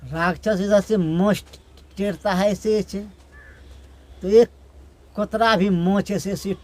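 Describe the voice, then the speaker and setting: A male storyteller narrates a folk tale aloud in a high voice. He moves slowly, repeating words and drawing out each phrase. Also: fairly even intonation, darkish tone. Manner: repetitive, drawn-out phrasing.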